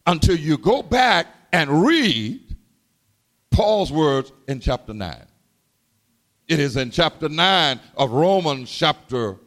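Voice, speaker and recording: A man preaching a sermon in a rhythmic, call-and-response style, dropping to low murmurs and rising to sung shouts. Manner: repeats and calls to the congregation.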